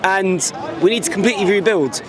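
Outside a crowded stadium, a man in his 20s talks into an interviewer's handheld microphone for a street vox pop. His voice sits high and moves a little fast, with a crowd audible in the background. A football fan, he is emphatic and passionate, and he repeats words.

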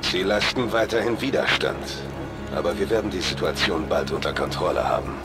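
An actor playing a dutiful, cold paramilitary officer in a video game, giving formal, clipped reports. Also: male voice, sits low, animated, brisk. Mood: cold, businesslike. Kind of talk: dramatic video game acting. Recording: loud game music behind.

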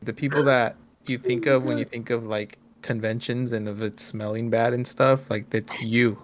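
A man's voice: medium pitch, steady tone, normal speed, a little hiss or hum. A man co-hosting a casual group reaction podcast, blunt and mocking with plenty of profanity. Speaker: podcast co-host.

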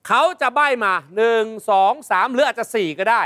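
A man hosting a TV game show, playful and loud, explaining the rules with bursts of shouting. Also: extremely high pitch, a little fast. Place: TV studio with audience.

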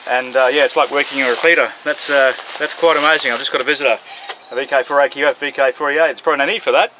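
Very fast and steady in tone, this Australian ham radio operator in his forties speaks at a medium pitch during a casual demonstration outdoors. He's on an open grassy hillside, and background noise is clearly audible.

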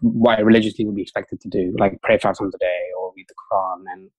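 Here the speaker's voice sits on the low side with a steady tone, captured in poor audio without room sound. He's a young man, a junior doctor and native Urdu speaker, chatting quickly as an interview guest and often restarting or using fillers.

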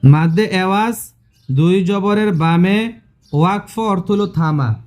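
A man leads a live online Quran lesson in a fairly high voice. He speaks slowly and repeats each rule, and he stops often to quiz his students. It sounds like a patient classroom drill. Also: darkish tone. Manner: slow, repetitive drilling with questions to students. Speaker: Quran recitation teacher.

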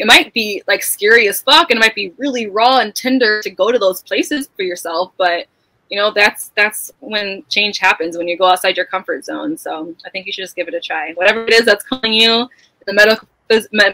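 A woman with a bright, forceful voice speaks as a podcast guest. She talks in a candid, animated way and now and then swears casually. Her pitch sits in the middle of the female range. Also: brisk, rough recording.

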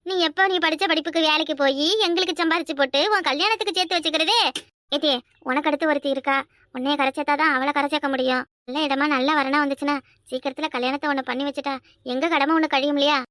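A woman's voice: high voice, fairly even intonation, quick pace, a bit bright, no room sound, studio quality, pitched below the performer's own voice. A woman voicing a scolding, complaining older sister and housewife in a cartoon, with a Kanyakumari Tamil accent.

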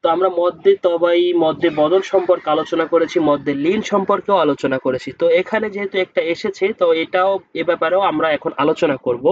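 A man teaching Quran reading, who spells out each letter and vowel mark and then slowly draws out the joined word. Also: fairly high pitch, no room sound, muffled recording. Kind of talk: step-by-step spelling lesson.

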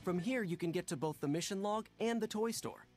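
A man's voice: high-pitched, brisk, darkish tone, close to an everyday voice. A man voicing a helpful video game tutorial guide with scripted instructions. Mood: instructive. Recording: music behind the voice.

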